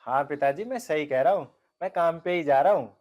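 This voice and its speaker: एक युवा आदमी जो मेहनती बने गाँव के प्रधान के बेटे का किरदार निभा रहा है, हरियाणवी लहजे में सच्चे दिल से बोलता है।. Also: male voice, fairly high pitch, a little fast, muffled recording, lightly acted. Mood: respectful. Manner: earnest, heartfelt. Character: reformed young village man, earnest and devoted. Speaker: headman's son, laborer. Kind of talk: rural comedy film acting.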